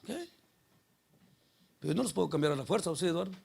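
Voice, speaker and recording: A male pastor with a high, heavily gravelly and husky voice, preaching in a church. He talks to the congregation directly, firing rhetorical questions and calling people by name. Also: expressive, fast, darkish tone. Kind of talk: conversational sermon.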